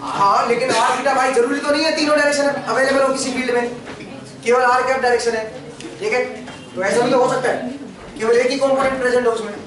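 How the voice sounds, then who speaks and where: High-voiced lecturer in an echoey classroom. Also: male voice, fairly even intonation, quick pace, distant mic, crowd noise. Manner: questioning, prompts students constantly. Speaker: engineering lecturer. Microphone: camera far from the speaker.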